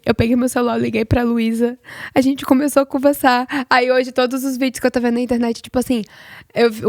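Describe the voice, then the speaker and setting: A woman's voice: a little high, no echo, studio quality. A thirty-one-year-old Brazilian woman co-hosting a podcast, telling stories in casual, informal chat. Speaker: podcast co-host.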